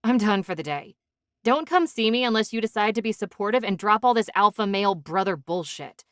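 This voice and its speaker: A man's voice: high voice, lively intonation, brisk, fairly bright tone, clear, resonant tone, dry recording, studio quality, pitched above the performer's own voice. Man voicing a firm young pregnant woman. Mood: scolding. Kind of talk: audiobook character voice.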